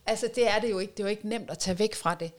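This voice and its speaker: A woman reflecting on caring for a sick child in a conversational interview, thinking aloud with frequent fillers. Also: medium pitch.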